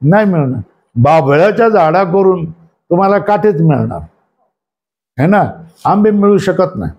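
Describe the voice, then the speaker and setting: A male spiritual teacher with a voice that sits high gives a scripture class, speaking expressively and a little slowly in a muffled recording. He constantly questions his students, checks that they agree, and tells them to number and underline passages.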